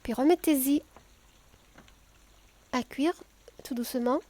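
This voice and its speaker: High-voiced woman with a southern French accent. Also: takes it slowly. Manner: calm, step-by-step, with hesitations. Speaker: home cook. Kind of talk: cooking tutorial.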